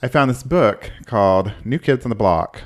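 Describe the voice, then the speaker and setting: A man's voice: mid-range voice, animated, normal speed. A man co-hosting a casual podcast, telling a funny story with frequent laughs while playing a word game. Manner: chatty storyteller, laughs often. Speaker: podcast co-host.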